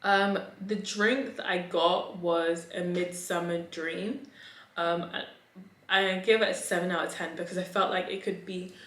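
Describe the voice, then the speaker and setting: A woman's voice: fairly low pitch, fairly even intonation, a little slow, a bit bright. A woman giving a casual, chatty restaurant review with a campy, theatrical manner and exaggerated emphasis on key words. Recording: echoey, roomy voice recording.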